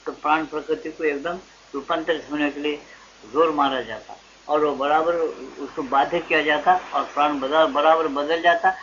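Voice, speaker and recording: Older indian spiritual teacher, slightly high voice, keeps asking the crowd questions, muffled old tape. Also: male voice, fairly bright tone. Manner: asks listeners rhetorical questions and acts out dialogues. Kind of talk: devotional discourse to an audience. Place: satsang gathering hall. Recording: dull lo-fi archival tape with faint hiss.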